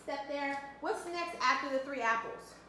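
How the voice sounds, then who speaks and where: 30s mom coaching kids thru a recipe, high bright voice, really echoey kitchen, camera mic a few feet off. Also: female voice, moderate pace. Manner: upbeat, coaching and prompting the kids. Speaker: mother leading a kids' cooking segment. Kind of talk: home cooking demonstration with children. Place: home kitchen, indoors. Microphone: camera mic from a few feet away. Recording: echoey kitchen with faint room noise.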